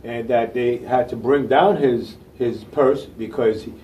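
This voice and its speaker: A man who works as a trainer, talking casually in an interview and getting loud and animated when excited. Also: mid-range voice, a little slow, dull audio. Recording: distant mic with faint ambient noise.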